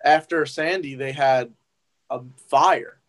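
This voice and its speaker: Easygoing young musician from New Jersey. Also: male voice, mid-range voice, slow pace. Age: young adult. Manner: easygoing, hesitant with fillers. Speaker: musician guest. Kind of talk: casual interview chat.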